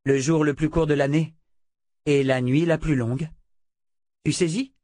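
A man's voice: on the high side, no room sound, studio quality, pitched above the performer's own voice, close to an everyday voice. A man voicing Warren, an eager young scholar. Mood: explaining. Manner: eager, quick bursts of excitement. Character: excitable young male scholar. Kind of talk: audiobook character voice.

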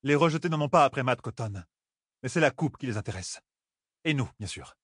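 A man voicing a tough warrior woman who reasons in a calm, measured, steady way. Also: mid-range voice, husky, dry recording, clean studio sound, voice pushed up. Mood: calm reasoning.

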